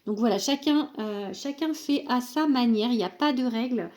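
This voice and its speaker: A woman's voice: a little high, moderate pace, a little mellow. A young woman casually presenting an oracle card deck, hesitant with many fillers, reading card texts aloud.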